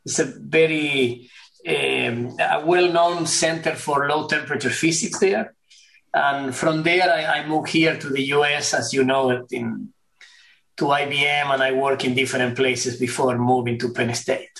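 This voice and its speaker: A man's voice: medium pitch, fairly even intonation, unhurried, gravelly, a bit bright, echoey room, rough recording. A middle-aged man from Argentina. He answers webinar interview questions courteously, often repeating words as he searches for them. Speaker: guest professor.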